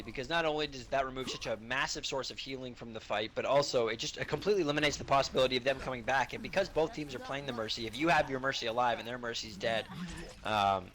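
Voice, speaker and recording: Fast-talking man losing his voice. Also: medium pitch, bright, forceful tone, slight background noise. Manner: explanatory, measured analysis with hesitant fillers. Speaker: esports analyst. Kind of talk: color commentary.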